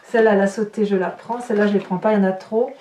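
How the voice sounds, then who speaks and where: Speaking rapid-fire at a medium pitch with fairly even intonation, this channel host improvises a tarot reading for her audience and keeps interrupting herself with amazed exclamations over the cards. Her mic is distant, so there's a roomy echo and some background noise.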